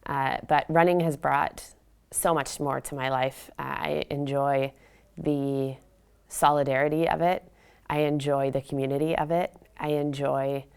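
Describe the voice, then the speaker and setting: Brief: woman runner being interviewed, low register, smooth clear tone, sincere. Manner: earnest and reflective. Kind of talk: casual recollection in an interview.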